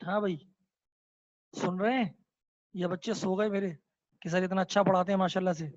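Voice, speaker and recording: A man's voice: high voice, flat delivery, no echo, highs cut off. A man teaching an online class, explaining a text patiently, slipping in English words and often checking with his students. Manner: mixes English words into speech.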